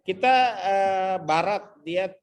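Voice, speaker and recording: A man's voice: high-pitched, steady tone, takes it slowly, smooth. A man in his sixties from West Java, speaking modestly with hesitant fillers on a video call. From West Java, Indonesia. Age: 60s. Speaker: university official. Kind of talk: casual video call chat.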